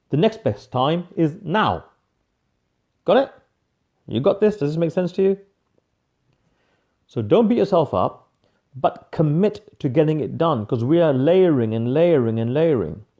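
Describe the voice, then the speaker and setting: A man giving an energetic live motivational coaching talk, emphatic, repeating key phrases and calling viewers by name. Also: fairly high pitch, moderate pace, pauses often, highs cut off.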